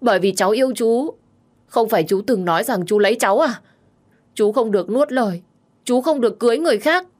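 A woman voicing a drunk, stubborn young woman, whiny and high. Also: lively intonation, a little fast, a little mellow. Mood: pleading. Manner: whiny, insistent, pleading.

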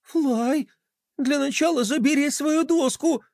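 A man voicing a skeptical young skateboarding girl in a children's story, with a scoffing, excitable way of talking. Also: sits high, moderate pace, no echo, clean studio sound, voice pushed up.

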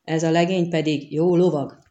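A woman voicing a hearty, excitable male knight who hails loudly. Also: low voice, dull audio, close to an everyday voice. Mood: excited.

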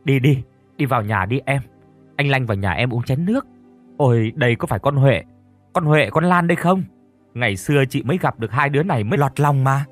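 A man's voice: medium pitch, fairly quick, faint music behind, natural voice. A man voicing a frail older village woman. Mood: tender.

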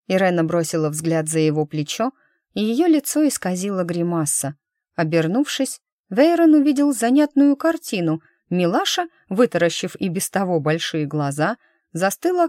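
Sex: woman. Style: expressive audiobook narration with lively pitch. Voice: lowish. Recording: dry, close studio sound. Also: no echo. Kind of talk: scripted narration.

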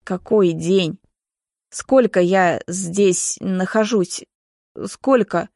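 A woman reading an audiobook, voicing a sick, bitter young man who speaks sarcastically and haltingly. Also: medium pitch, warm tone, no room sound, clean studio sound. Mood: weak, halting.

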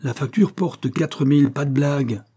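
A man's voice: medium pitch, moderate pace, mellow, lightly acted. A man reading an angry, swearing aging wine salesman aloud from a novel. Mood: furious. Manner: blustering, swearing. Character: hot-tempered aging male wine salesman.

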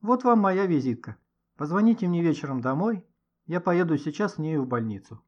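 A man voicing a composed adult male neighbor in a storybook reading, with steady, reassuring speech. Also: fairly high pitch, fairly quick, pitched above the performer's own voice. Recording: dull lo-fi recording.

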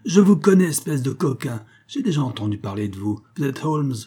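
A man voicing an angry, hulking old country doctor who bursts into loud threats, in an audiobook reading. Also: medium pitch, lively intonation, fairly quick, husky. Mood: threatening.

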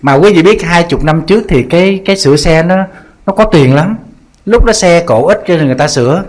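A man with a Southern Vietnamese accent and a slightly high voice preaches to his congregation. He tells stories in a lively, teasing way, full of humor. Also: a little fast. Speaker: Buddhist monk. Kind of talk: humorous sermon storytelling.

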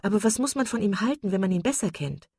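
A woman voicing a passionate, romantic young woman who speaks eagerly and quickly. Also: medium pitch, expressive, a little mellow, slightly rough, dry recording, clean studio sound, pitched above the performer's own voice.

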